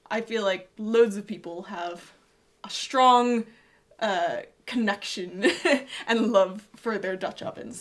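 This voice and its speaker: A woman co-hosting a podcast, explaining things in a casual, chatty way. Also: mid-range voice. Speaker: podcast co-host and designer.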